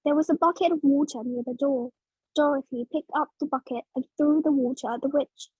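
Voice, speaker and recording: A woman from Vietnam narrating a children's storybook in English for learners, slow and clear. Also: high-pitched, steady tone, dark tone, no echo, highs cut off.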